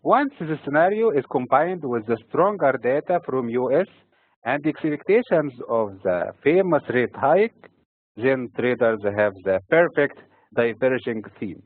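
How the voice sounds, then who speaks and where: A man from Egypt giving scripted financial market commentary in a steady, formal delivery. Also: medium pitch, unhurried, dry recording. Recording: tinny phone-like recording.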